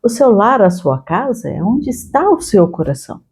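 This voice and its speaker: A woman with a Brazilian Portuguese accent speaks in a calm, reflective way, taking time over her explanations. Her voice is mid-pitched and has a dark, mellow tone. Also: normal speed, husky. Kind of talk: casual conversation.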